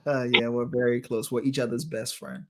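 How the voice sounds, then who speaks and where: A man in his thirties from Cameroon, a guest in a casual interview chat, upbeat and quick to laugh. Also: medium pitch, steady tone, a bit bright. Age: 30s.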